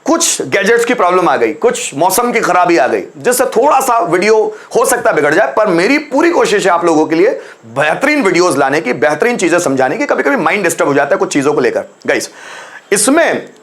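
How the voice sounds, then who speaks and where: A young man with a Hindi accent teaching English in a live online class, coaxing students and repeating examples slowly. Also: high voice, very animated.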